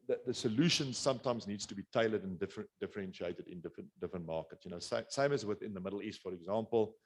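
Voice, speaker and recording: Middle-aged South African man, low voice, quick rambling business webinar talk, lots of restarts. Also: husky. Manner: rambling, many restarts and fillers. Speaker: business speaker. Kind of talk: webinar presentation.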